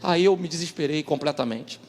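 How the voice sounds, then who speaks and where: A man's voice: fairly high pitch, fairly quick. A man, a pastor giving a dramatic testimony, acting out the voices of the people in his story. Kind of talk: testimony sermon. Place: church hall. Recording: church hall with long reverb and music behind.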